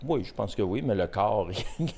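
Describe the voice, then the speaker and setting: Low-voiced Québécois man in his forties. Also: animated, a little mellow, a little hiss or hum. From Quebec. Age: 40s. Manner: hesitant, halting with frequent fillers. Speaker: podcast guest, host's father. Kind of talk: casual interview.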